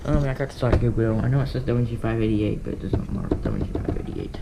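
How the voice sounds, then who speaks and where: A hobbyist gives an unscripted, casual show-and-tell of his radio collection, rambling offhandedly and frequently correcting himself. He talks fast with vocal fry, and his medium-pitched voice swoops wildly. The noisy handheld camera audio includes clicks.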